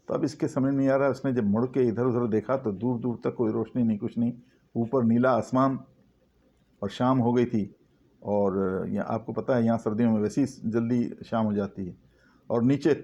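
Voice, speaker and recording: A man telling a story in a casual, dramatic way, acting out the lines in a hushed voice. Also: medium pitch, creaky. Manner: dramatic, acts out dialogue in hushed voice. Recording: dull lo-fi recording.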